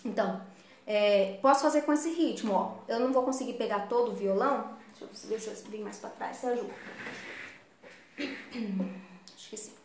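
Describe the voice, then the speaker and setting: A woman's voice: a little high, normal speed, pauses often, darkish tone, echoey room, slight background noise. A Brazilian woman teaching a live online guitar class, explaining each step patiently. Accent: Brazilian Portuguese. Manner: patient, explains step by step, vocalizes strumming beats.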